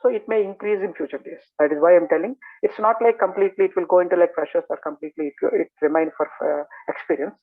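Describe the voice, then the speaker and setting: A native Telugu speaker from Andhra Pradesh with a Telugu Indian English accent answers questions as a software trainer in a casual live Q&A. His voice is high-pitched and he talks fast with hardly any pauses, repeatedly using "okay" and "like" as verbal tics, over tinny, narrow phone-like call audio.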